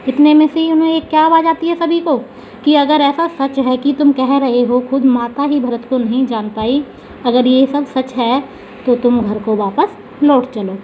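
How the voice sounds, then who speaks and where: A woman teacher explaining a Hindi poem, reading each verse slowly and then paraphrasing it in plain speech. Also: sits high, fairly even intonation. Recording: dull lo-fi recording with faint background hiss.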